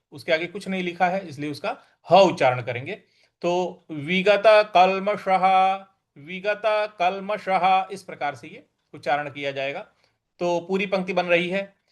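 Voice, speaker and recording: A man with a notably high voice leads a scripture recitation lesson. He chants the verses in a drawn-out way, then steps through how each syllable is pronounced. His overall delivery is slow and measured. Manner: chants verses slowly, then explains pronunciation briskly. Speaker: scripture teacher.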